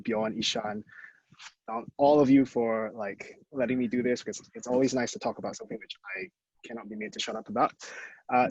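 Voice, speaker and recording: A man's voice: medium pitch, a little mellow, slightly rough, no echo. A man from Singapore, a professor, presenting fluently over a video call from an outdoor deck. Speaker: guest speaker, professor. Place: outdoor deck in rural countryside. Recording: dull, dry call audio.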